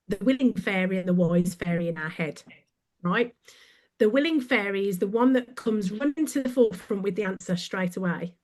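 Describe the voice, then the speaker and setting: A woman with a Birmingham accent, a podcast guest who tells stories with animation and laughs easily. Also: mid-range voice. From England. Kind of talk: podcast conversation.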